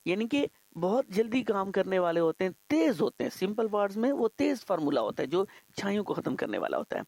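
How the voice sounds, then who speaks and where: A man hosting a radio show in a relaxed, chatty way, pitching products and often tacking on a reassuring 'all right, sir'. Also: creaky, no room sound. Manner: chatty, keeps adding 'theek hai janaab'. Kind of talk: casual radio talk with product promotion.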